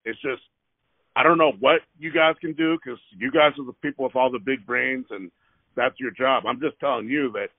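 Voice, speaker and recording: Over a tinny, dry phone line with no room sound, a man calls a transportation office from his car to gripe about traffic. His mid-range voice stays fairly even at a moderate pace, and though rambling and hesitant, he keeps pushing his point.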